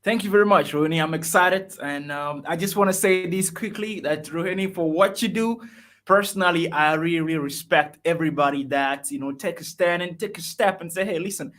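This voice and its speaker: A man from Togo, a motivational speaker guest, telling his life story on a video call in an animated, emphatic way, repeating words and joking. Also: a little high, brisk.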